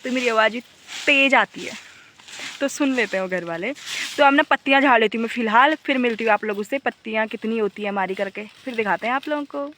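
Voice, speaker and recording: A young woman from the Uttarakhand hills vlogging casually with a phone while she works outdoors in the forest and fields. She talks loudly and laughs a lot. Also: a little high, fast, slight background noise. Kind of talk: casual vlog narration.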